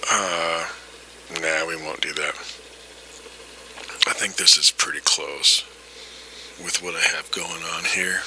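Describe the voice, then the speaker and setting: Speaking slowly with frequent pauses, a man with a deep, steady, pushed and bright voice demonstrates vintage audio gear as a hobbyist vlogger. His off-the-cuff thinking aloud is rambling, hesitant and self-deprecating. The sound is captured on a noisy old reel-to-reel recorder microphone full of hiss.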